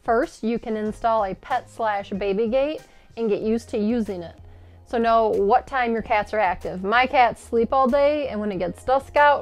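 Woman, forties, casual vlog, chatty, animated, inside an RV, faint background music. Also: medium pitch. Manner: chatty and animated, gesturing while explaining. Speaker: RV lifestyle vlogger. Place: inside an RV, seated at a table by a window.

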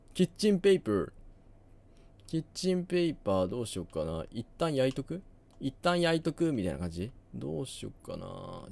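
A man's voice: mid-range voice, darkish tone. A young man giving casual game commentary, thinking aloud and often hesitating. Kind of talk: casual let's play commentary.

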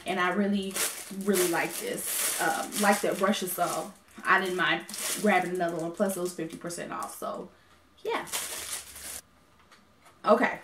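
A woman's voice: medium pitch, a little hiss or hum. A woman chatting casually about a makeup haul, rambling with lots of ums and self-corrections. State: has the hiccups. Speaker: beauty vlogger. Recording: echoey room.

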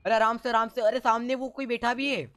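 Excited man shouting game orders. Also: very high voice, brisk. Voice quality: teasing, bossy with teammates, shouts orders. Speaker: gaming YouTuber. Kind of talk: excited let's-play commentary.

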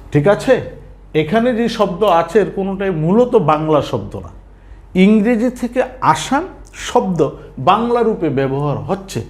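A man's voice: sits high, darkish tone. A man teaching a spelling lesson, spelling words out letter by letter and asking and answering his own questions. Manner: colloquial forms mixed into standard speech.

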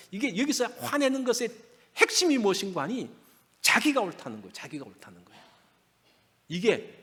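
A man's voice: high-pitched, fairly bright tone, husky. A male pastor preaching a Sunday sermon in a church, conversational and asking his listeners questions. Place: church sanctuary. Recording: long reverb of a church hall.

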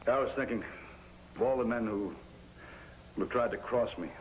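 An actor playing a hard, guarded businessman on the run from the law in an old television drama, speaking in a clipped, quietly threatening way. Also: medium pitch, normal speed, close to an everyday voice, poor audio. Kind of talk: 1950s television drama acting. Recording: old television recording with audible hiss.

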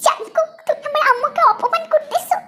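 A woman voicing an indignant young wife who answers her husband with sharp reproaches. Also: very high voice, animated, fast talker, exaggerated voice.

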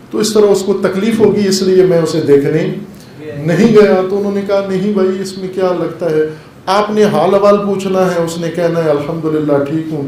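A man's voice: fairly high pitch, darkish tone, slight background noise. Man preaching in a very echoey hall. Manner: storytelling with rising emphasis. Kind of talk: sermon. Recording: very echoey hall, faint ambience.

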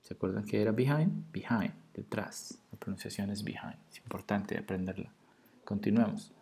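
A man teaching a beginner English lesson, explaining in Spanish and slowly modelling English words for learners to repeat. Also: lowish voice, vocal fry, darkish tone. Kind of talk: recorded grammar lesson.

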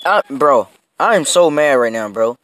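A man giving casual commentary over his own video game match, excitable and quick to yell in frustration, saying "bro" constantly. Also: medium pitch, no room sound.

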